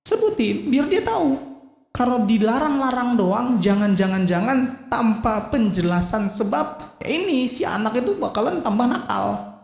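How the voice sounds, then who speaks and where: Lively male religious teacher. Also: very high voice, normal speed, creaky. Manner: lively, acts out scolding parents. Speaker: Islamic teacher. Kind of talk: religious study lecture. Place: mosque hall. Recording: echoey hall.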